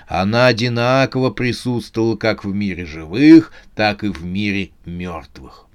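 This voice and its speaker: A man reading a comic horror novel aloud as an audiobook narrator, in a steady, measured way. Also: fairly low pitch, clean tone.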